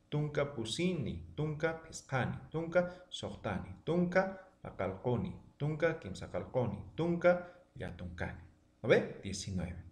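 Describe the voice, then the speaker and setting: A man teaching a language lesson online, drilling words aloud and checking in with his students after almost every line. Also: roomy sound. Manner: drilling words with rising then falling pitch, checking in often.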